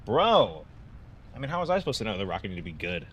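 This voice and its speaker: A man's voice: deep voice, sing-song, racing, highs cut off, a little hiss or hum. A young man narrating his gameplay in a casual, rambling way, joking to himself and quoting memes. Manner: rambling, joking self-talk with meme quotes. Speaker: gaming video creator.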